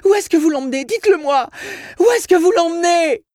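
A man's voice: very high-pitched, a little fast, a little mellow, no echo, clean studio sound, pitched above the performer's own voice. A man voicing a terrified mother who screams and begs intruders to let her husband go. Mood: frantic, pleading. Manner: screaming, frantic pleading.

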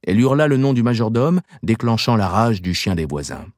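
A man reading a novel aloud as audiobook narration, with measured, varied delivery. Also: fairly low pitch, big pitch swings, a little mellow, no room sound, studio quality. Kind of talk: scripted narration.

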